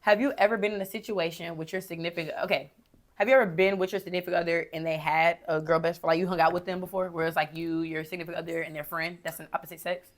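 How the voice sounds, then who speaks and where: Young woman, southern us accent, rapid speech, low voice, blunt podcast chat. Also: fairly even intonation. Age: young adult. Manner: blunt, swears freely. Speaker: podcast co-host. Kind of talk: casual chat.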